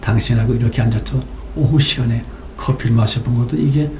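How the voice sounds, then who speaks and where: A male pastor voicing a gentle, coaxing wife who speaks softly and sweetly to her husband, in a sermon. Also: medium pitch, fairly even intonation, brisk, echoey room, background noise, natural voice.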